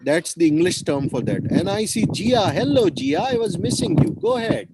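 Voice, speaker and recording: A man's voice: sits high, huge pitch swings, moderate pace, vocal fry, heavy background noise. A man teaching children over a video call, encouraging them and repeating his praise and questions. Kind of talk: online children's class.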